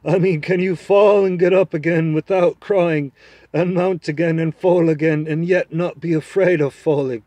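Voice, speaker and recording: A man voicing a proud, scornful male talking horse in a storybook reading, loud and lecturing. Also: a little high, steady tone, moderate pace, dry recording, voice pushed up, close to an everyday voice. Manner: haughty, lecturing, loud and emphatic.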